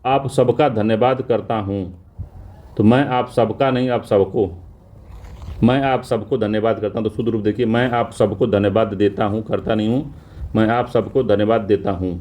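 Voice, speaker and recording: A man teaching an exam revision lesson, reading out wrong sentences and then repeating the corrected form slowly. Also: fairly low pitch, steady tone, darkish tone.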